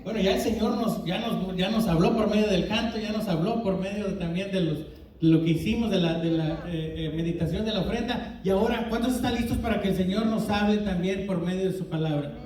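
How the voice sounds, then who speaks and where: A man preaching in a church, his Valley Tex-Mex accent clear as he keeps asking the congregation questions. His voice is mellow and dark, and it rings through a big echoing hall, picked up by a mic some way off. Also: high-pitched, far from the mic. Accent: Tex-Mex Spanish of the Rio Grande Valley. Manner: asks the congregation many questions, quick and lively. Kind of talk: sermon. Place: church sanctuary.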